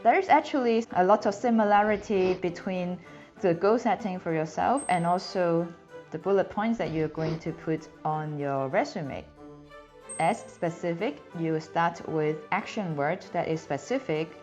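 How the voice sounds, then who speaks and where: A woman in her thirties from Hong Kong, whose first language is Cantonese, speaks with a Hong Kong accent in a low, unhurried voice with a darkish tone. Hosting a career advice video, she explains things earnestly and clearly to the camera, her phrasing slightly non-native. She is framed mid-shot in a small indoor room with a plain background, and the sound is slightly dull with faint music.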